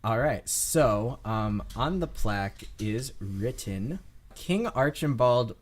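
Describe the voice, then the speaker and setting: A man's voice: lowish voice, animated, slow, breathy edge. A man running a tabletop game as game master, narrating the scene in a rambling way with many fillers.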